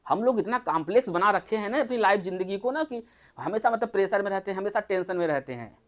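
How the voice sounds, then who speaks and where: Doctor, mid-pitched, casual group health talk, keeps firing rhetorical questions. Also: expressive, fast. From Uttar Pradesh, India. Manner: chatty, asks the listeners many rhetorical questions.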